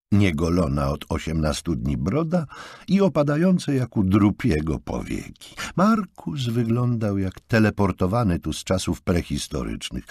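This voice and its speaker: Gravelly low guy reading an audiobook, very lively, dry close sound. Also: dry recording. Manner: expressive, animated reading. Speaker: audiobook narrator. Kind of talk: scripted audiobook narration.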